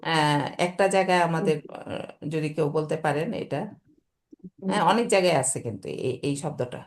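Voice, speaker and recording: Lady teacher on a video call, lowish voice, patient, keeps asking "okay?". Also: fairly quick. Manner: explains patiently, often checks "okay?" with students. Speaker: Quran teacher. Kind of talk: online class lesson.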